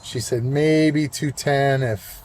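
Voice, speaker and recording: A man in his sixties gives a casual vlog update outdoors, speaking unhurriedly at a middling pitch. His delivery is relaxed and rambling, and he pauses often on fillers. A faint hum of open air sits behind his voice. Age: 60s. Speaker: vlogger. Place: outdoors, walking and at a golf course.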